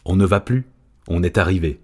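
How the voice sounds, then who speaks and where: A man voicing a calm adult poet in an audiobook reading, measured and gentle. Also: low-pitched, husky.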